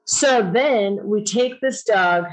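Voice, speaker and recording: A woman's voice: medium pitch, slow pace, low-quality recording. A middle-aged woman telling a personal story in a casual, chatty way, filling her talk with "like" and "you know" and acting out quoted lines. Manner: acts out quoted dialogue in a raised voice.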